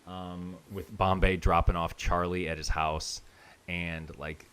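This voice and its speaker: Young male co-host, very low voice, loose rambling chat delivery. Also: flat delivery, takes it slowly, a bit bright, smooth. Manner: rambling retelling full of "like". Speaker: podcast co-host. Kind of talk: casual chat reviewing a film.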